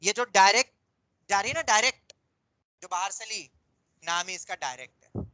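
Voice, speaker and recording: A male maths teacher lectures a class with a bright, forceful voice. He explains patiently, slipping English terms into Hindi and calling his students "beta". He speaks in a classroom with students present. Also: high-pitched, animated, normal speed, poor audio.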